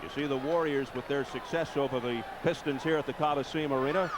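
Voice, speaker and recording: A man calling a basketball game play by play on an old broadcast, with brisk, excited calls of the action. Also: mid-range voice, noisy background. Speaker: play-by-play announcer.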